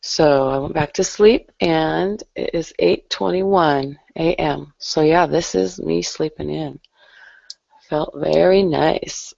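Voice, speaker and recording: Sleepy female guest, gravelly morning rasp, dry lo-fi call audio. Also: low voice, slow, no room sound. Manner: drowsy, relaxed, gravelly. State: just woke up, morning voice. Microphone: video call.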